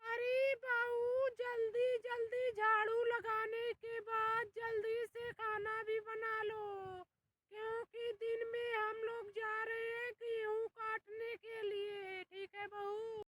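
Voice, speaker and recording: A woman's voice: very high voice, little pitch movement, slight background noise, full character voice. A woman playing a domineering village mother-in-law who gives orders and threatens. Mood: bossy. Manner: bossy, shouting orders, drawn-out calls.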